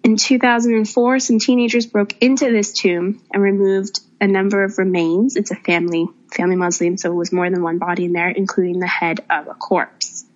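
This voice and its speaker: Woman podcast host, mid pitch, brisk conversational storytelling, muffled lo-fi sound. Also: fairly even intonation.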